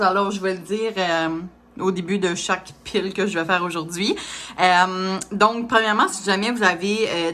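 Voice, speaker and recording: A woman's voice: medium pitch, a bit bright. A woman reading tarot cards, speaking casually with many hesitations and small laughs. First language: French. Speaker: tarot reader.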